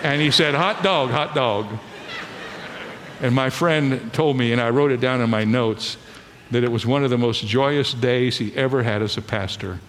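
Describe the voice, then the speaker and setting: A middle-aged man preaching a sermon in a church, telling stories with animation and slowing down to stress key lines. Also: medium pitch, a little hiss or hum. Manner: animated storytelling preacher, slows for emphasis. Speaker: pastor. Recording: long reverb of a large hall.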